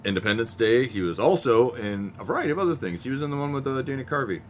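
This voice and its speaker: A man's voice: mid-range voice, expressive, fast talker, slight background noise. A man in his thirties hosting a podcast, rambling casually and laughing often as he jokes. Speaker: podcast host. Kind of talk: casual chat.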